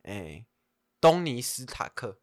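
A man's voice: medium pitch, sing-song, slow, darkish tone, dry recording. Brash man, dry sound. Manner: brash, coarse, laughs often. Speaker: guest, pickup coach. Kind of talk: casual podcast chat.

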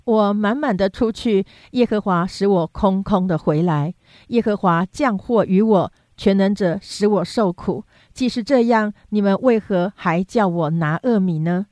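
Figure: grieving older widow, read by a woman. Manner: weary, bitter, measured storybook reading. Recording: dry and close. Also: mid-range voice, darkish tone, no room sound, close to an everyday voice. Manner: plain measured reading of a quote.

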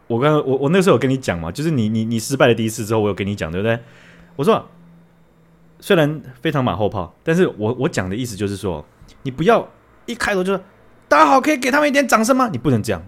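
A man co-hosting a casual podcast, telling stories in an animated, teasing way. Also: medium pitch. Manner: animated, teasing storyteller who acts out scenes. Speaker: podcast co-host. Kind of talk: casual chat.

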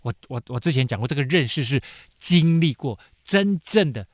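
A male pastor retelling a Bible story in a sermon, explaining as he goes and filling pauses with small particles. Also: mid-range voice, lively intonation, no echo, studio quality. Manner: explanatory, with frequent filler particles.

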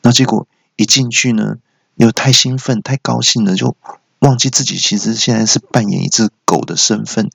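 A man, hosting a comedy podcast and telling an animated comic story. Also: normal speed, vocal fry, husky, no echo. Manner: animated, slips into squeaky character voices.

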